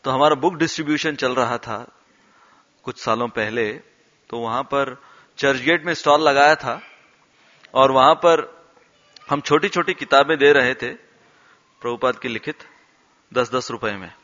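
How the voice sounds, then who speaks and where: A man giving a devotional talk, telling stories in an animated way and acting out the quoted lines. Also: medium pitch, unhurried, long pauses. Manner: animated storyteller, acts out quotes and laughs along. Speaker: temple speaker. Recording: dull sound with long hall reverb.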